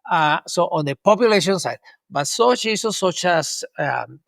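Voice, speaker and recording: A man's voice: high-pitched, lively intonation, moderate pace, gravelly, fairly bright tone, no room sound. A man from Colombia in his sixties, answering interview questions in a rambling way with many ums and restarts. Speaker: guest, urban planner.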